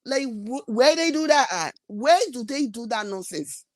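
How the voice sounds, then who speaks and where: A woman's voice: fairly high pitch, lively intonation, a little slow, no room sound. A woman ranting bluntly in a vlog, scolding her viewers with emphatic, exasperated questions. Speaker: reality TV commentator. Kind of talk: opinionated vlog rant.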